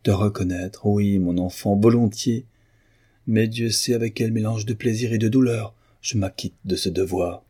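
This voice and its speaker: A remorseful aristocratic father from a classic novel, torn by guilt and speaking in tormented outbursts, as a male narrator puts him on. The voice is very low and dark with a husky grain. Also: steady tone, normal speed. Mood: tender. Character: anguished remorseful aristocratic father, older man.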